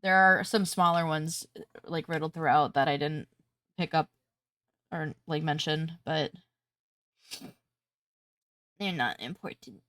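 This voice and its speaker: A woman streamer chatting casually on a live stream, her voice stuffy and congested, relaxed and rambling with many fillers. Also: sits low, slow pace, pauses often, dry recording.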